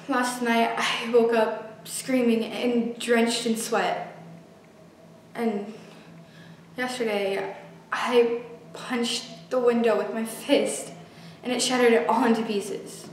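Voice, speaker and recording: In a very echoey room, away from the mic, a young teenage girl plays a grieving daughter pours out a dramatic monologue. Her high voice is full of tragic sorrow and wounded anger. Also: recorded from a distance, a little hiss or hum. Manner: tragic, sorrowful, emotionally wrought. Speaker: actor performing a monologue. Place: small bare indoor room.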